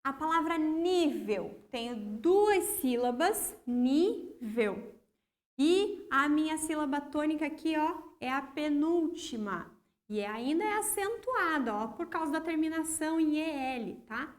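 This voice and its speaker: High-voiced Brazilian woman teacher. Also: animated. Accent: Brazilian Portuguese. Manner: slow, patient, emphatic syllable-by-syllable explanation. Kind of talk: recorded school lesson.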